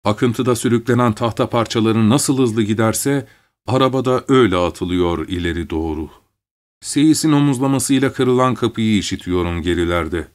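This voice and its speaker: A man narrating a literary story in the first person, reading at a measured pace. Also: on the low side.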